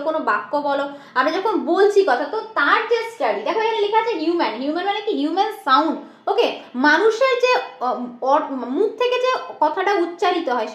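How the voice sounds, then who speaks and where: A woman teaching an exam-prep lesson, explaining step by step and answering her own questions, often slipping in English terms. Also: very high-pitched. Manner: mixes in English terms and phrases. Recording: echoey room.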